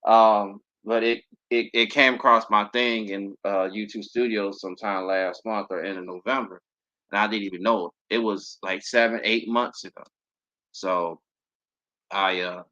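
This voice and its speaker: Casting: deep-voiced man in his thirties, bright forceful delivery, rambling livestream host with lo-fi sound. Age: 30s. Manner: rambling, many fillers and restarts. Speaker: aviation channel host. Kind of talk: casual livestream talk. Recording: dull lo-fi stream audio.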